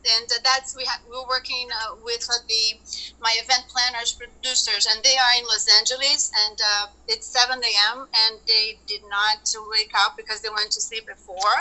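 A woman from Brazil speaks on a video call through a laptop mic, her voice very bright and a touch high. She talks in a loose, halting way, with many fillers and restarts. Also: level tone, rough recording. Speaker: company founder presenting to members.

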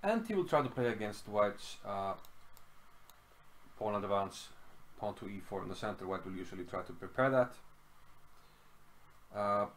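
A man's voice: lowish voice, lively intonation, moderate pace, long pauses, a bit bright. A middle-aged man from Iceland casually talking through a chess game at home, thinking aloud with lots of fillers. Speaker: chess commentator. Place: small room at home.

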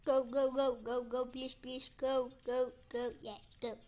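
A woman with giving excited gameplay commentary, chanting and cheering as she plays. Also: high-pitched, a little slow. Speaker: gameplay streamer.

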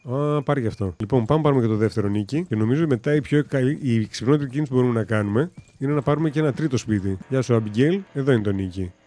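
A man's voice: medium pitch, mellow. A man giving casual let's-play commentary in a joking, sarcastic way with mild swearing. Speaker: gaming commentator.

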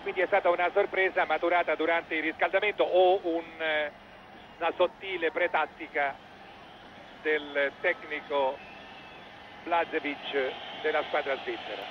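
A man's voice: on the high side, steady tone, unhurried, long pauses, lo-fi sound, slight background noise. An Italian man giving live football match commentary in clipped phrases, rising with the play, on an old television broadcast.

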